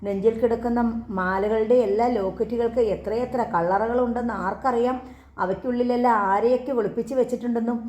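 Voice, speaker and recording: A woman's voice: fairly high pitch, steady tone, brisk, mellow, roomy sound, slight background noise, natural voice. A woman voicing a bitter, wounded husband who speaks with sarcastic reproach, in a storybook reading.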